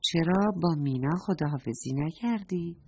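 A woman voicing a kind mother who gently teaches her daughter a lesson, on a dull lo-fi recording. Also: low-pitched, expressive, a little hiss or hum. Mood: gentle, instructive.

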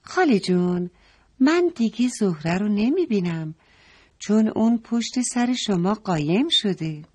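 A woman voicing a curious, excited young girl in a children's story. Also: mid-range voice, breathy edge. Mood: excited wonder. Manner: eager, exclaiming.

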